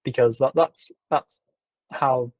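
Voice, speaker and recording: A man from the UK, founder of a small company, answers questions in a casual interview over a video call. He explains things in a measured way, with plenty of ums and uhs. His voice sits at an ordinary pitch, and the sound is dry. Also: steady tone, no room sound, low-quality recording.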